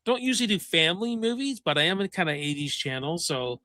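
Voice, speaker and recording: A man hosts a casual livestream with a bright, forceful voice pitched a little above the usual. He reads viewer comments aloud with plenty of ums and uhs. The sound is dry and close. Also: very animated, quick pace, no echo. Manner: reads chat comments aloud, many fillers. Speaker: livestream host.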